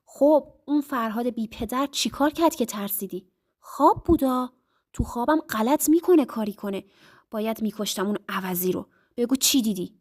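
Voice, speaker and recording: A woman's voice: on the high side, animated, a little mellow. A woman voicing a cocky, teasing young husband in a told story. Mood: annoyed. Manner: teasing, mocking.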